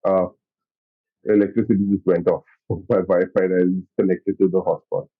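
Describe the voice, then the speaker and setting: A man's voice: low voice, level tone, moderate pace. A man speaking as a business guest over a patchy video call that freezes and drops out, talking in a businesslike way with fillers. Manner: businesslike, with frequent fillers and restarts. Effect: patchy internet video-call connection that freezes and drops out. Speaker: startup founder guest. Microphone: laptop or phone on a video call. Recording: tinny lo-fi video-call audio.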